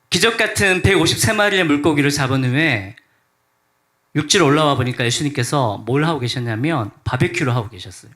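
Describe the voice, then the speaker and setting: Lively Gyeongsang pastor preaching. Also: male voice, fairly high pitch. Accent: Gyeongsang Korean. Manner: humorous storytelling, acts out quotes. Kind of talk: sermon. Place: church sanctuary during a service.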